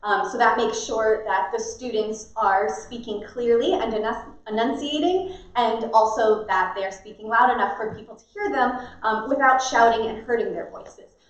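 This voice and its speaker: Woman drama teacher, high voice, clear and instructive, heard from a distant mic in an echoey room. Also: normal speed, hardly any pauses. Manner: clear, instructive, bursts into loud chants. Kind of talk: demonstrating class warm-ups.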